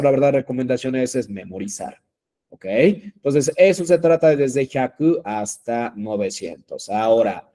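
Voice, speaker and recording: A man's voice: medium pitch, mellow. A man teaching a language class, patient and repetitive, with many fillers and check-ins. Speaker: Japanese teacher.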